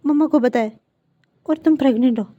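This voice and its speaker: A woman voicing a playful young man who pleads and gets excitable. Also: high-pitched, fairly quick, no room sound, muffled recording. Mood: outraged.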